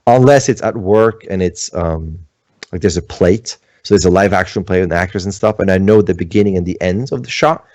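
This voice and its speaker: This middle-aged Swiss man has a deep, slightly mellow voice and speaks a little fast, heard in a dry recording. An animator, he's chatting informally from home during a livestream Q&A, drifting from point to point with many fillers.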